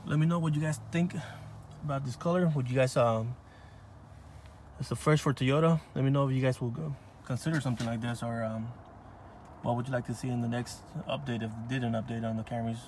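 A man filming on a phone in a car lot, showing viewers a new car in a relaxed, offhand way. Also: mid-range voice, brisk, a little hiss or hum. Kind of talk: casual walkaround video. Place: outdoor car dealership lot and inside a car. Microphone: phone held in hand while filming.

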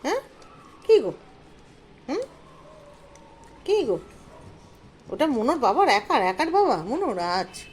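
High, lively woman. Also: measured pace, long pauses, slight background noise. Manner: coos baby talk at her dog. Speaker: vlogger, dog owner. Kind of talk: casual chat with pet.

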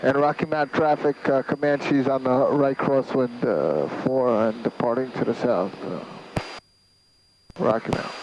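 A man's voice: mid-range voice, a little slow, highs cut off, noisy background. A man flying a small plane, chatting casually and making radio calls with hesitant fillers through a headset. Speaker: pilot and show host. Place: small plane cockpit in flight.

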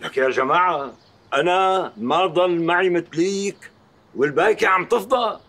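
An actor playing a stern, quick-tempered middle-aged father with a Syrian accent, gruff and scolding. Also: sits high. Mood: worried. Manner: gruff, scolding, shouts when crossed. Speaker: shop owner. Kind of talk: TV drama acting.

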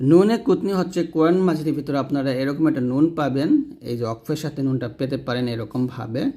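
A man teaching the rules of Quran recitation step by step, speaking to viewers and slowly drawing out the example words. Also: on the high side, darkish tone. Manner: addresses viewers directly, pointing at the page. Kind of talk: tajweed lesson, explaining rules.

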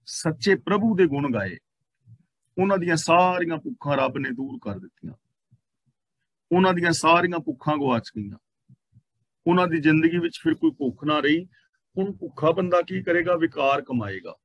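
A man with a Punjabi accent teaching scripture, reciting verses slowly and then explaining them line by line. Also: a little high, a bit bright, no room sound.

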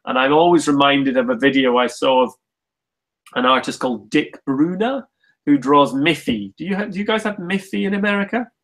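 A man who creates comics, talking about his work in a relaxed, thoughtful, self-deprecating way with frequent restarts. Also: on the high side, normal speed, rough recording. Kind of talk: casual conversation.

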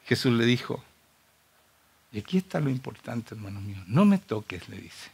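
A man's voice: medium pitch, normal speed, gravelly, husky. A Chilean man preaching a sermon with urgent, impassioned rhetorical questions.

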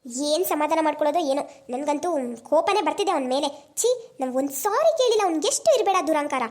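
A woman's voice: high voice, lively intonation, fast talker, darkish tone. A woman playing a hot-tempered, protective mother who scolds her husband in an amateur village family drama. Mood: exasperated. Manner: scolding, exasperated. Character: fiery protective mother, quick to anger.

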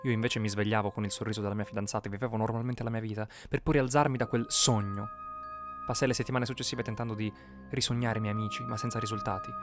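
A man narrating a first-person horror story with tense, dramatic delivery. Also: mid-range voice. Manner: tense storytelling, bursts of shouting in quoted lines. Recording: music bed behind the voice. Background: music.

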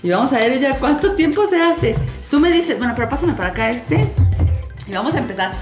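Excitable lady doing a toy vid, high bright sing-song voice, roomy echo, music behind. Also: fairly quick. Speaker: host of a toy channel. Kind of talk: casual playful presenting to camera. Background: background music.

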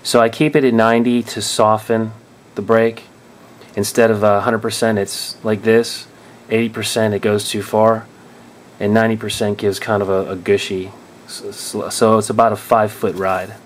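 A man's voice: lowish voice, flat delivery, normal speed, slight background noise. A man explaining drone control settings in a casual tutorial, thinking aloud and often restarting or correcting himself. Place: indoors at a table.

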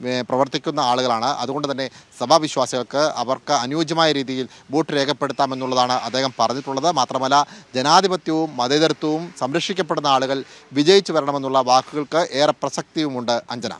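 Guy in his 30s doing a live news report outside, handheld mic, steady and explanatory. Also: medium pitch, brisk. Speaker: field reporter. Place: outdoors in front of trees. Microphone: handheld channel mic.

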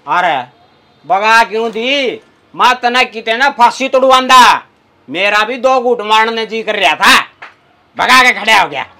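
A young man acts out a brash Haryanvi bus conductor in a comedy sketch. His voice is very high for a man and bright, with a forceful edge. He talks in a scolding, sarcastic way, full of mockery. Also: expressive, measured pace, full character voice. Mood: mocking, irritated. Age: young adult. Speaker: comic actor. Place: inside a parked bus.

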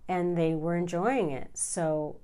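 A middle-aged woman shares personal stories to camera in a smooth, slightly low voice. She takes her time, informal and confiding, leaving deliberate pauses between phrases. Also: steady tone, dark tone. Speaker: vlogger. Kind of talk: candid personal storytelling to camera. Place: small furnished room indoors.

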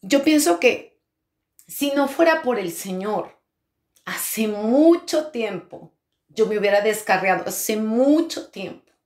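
A woman's voice: on the high side, animated, takes it slowly, a little mellow. A woman preaching a fervent sermon testimony, breaking into exclamations of praise and speaking in tongues. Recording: roomy echo.

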